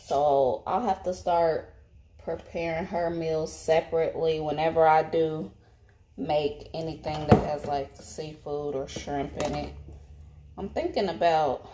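A woman's voice: low-pitched, a little slow, slight background noise. A woman, chatting casually to viewers while she cooks in her home kitchen, filmed on a phone held close. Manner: relaxed, chatty, talks to viewers as y'all. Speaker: home cook vlogger. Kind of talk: casual cook-with-me chat. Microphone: phone camera held close.

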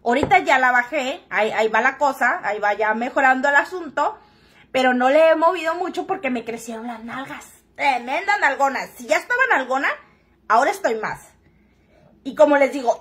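A woman's voice: high voice, lively intonation, a little fast, a bit bright. A woman telling a personal story to camera in a frank, joking, crude-spoken way. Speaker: vlogger.

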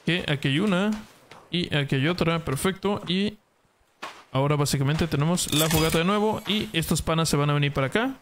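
A man's voice: fairly high pitch, brisk, a bit bright, a little hiss or hum. A young man streaming a video game live, chatting casually, yelping at setbacks and greeting viewers by name. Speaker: gaming streamer. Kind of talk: casual live gameplay commentary.

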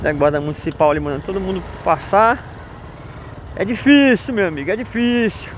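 Here the Brazilian motovlogger from the northeast talks fairly quickly in a voice that sits high, narrating his city ride with upbeat humor. It's casual vlog chatter captured in dull lo-fi sound, with street noise faintly audible.

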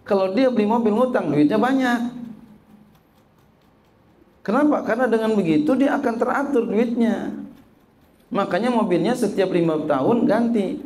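This Islamic teacher's voice sits high, moving at a moderate pace with frequent pauses. In his sermon on a religious text he is lively and repetitive, answering his own questions to the audience and translating the Arabic he recites.

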